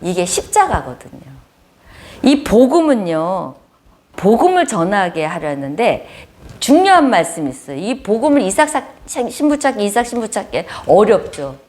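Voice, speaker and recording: Animated woman preaching with lively pitch. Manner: animated storytelling with frequent laughter. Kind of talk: sermon.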